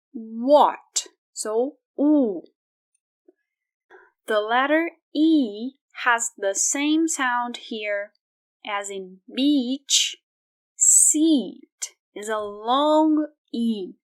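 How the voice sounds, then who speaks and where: Very slow, careful woman teacher. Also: fairly high pitch. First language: Brazilian Portuguese. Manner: repeats each word slowly and deliberately. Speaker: language teacher. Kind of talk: slow pronunciation lesson.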